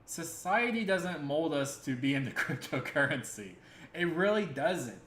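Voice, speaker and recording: A man's voice: on the high side, lively intonation, measured pace, a bit bright, a little hiss or hum. Rambling, earnest man in an echoey room. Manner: rambling, earnest, full of fillers and restarts. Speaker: crypto stream host. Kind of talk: casual livestream talk. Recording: echoey room with faint ambience.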